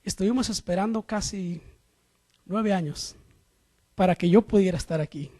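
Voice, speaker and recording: A middle-aged man preaching a sermon, asking the congregation questions and swinging between loud emphatic lines and quiet low asides. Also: normal speed.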